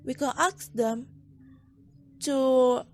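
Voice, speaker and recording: A young woman with an Indonesian accent, slowly and carefully reading a student class presentation, restarting words now and then. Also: sits high, fairly even intonation, no echo. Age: young adult.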